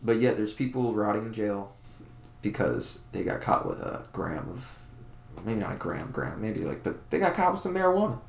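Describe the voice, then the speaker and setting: A man's voice: fairly low pitch, sing-song, moderate pace, gravelly, reverberant, a little hiss or hum. A young man from Florida co-hosting a podcast, talking in a laid-back, rambling way with lots of fillers. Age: young adult. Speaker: podcast co-host. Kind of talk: casual chat.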